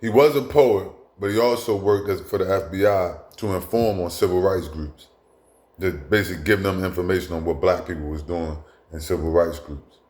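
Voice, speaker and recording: A man's voice: low-pitched, normal speed, a little mellow, reverberant. A man talking bluntly in a casual monologue as a commentator, with frequent restarts and asides. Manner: blunt, profane, repetitive with many asides and restarts.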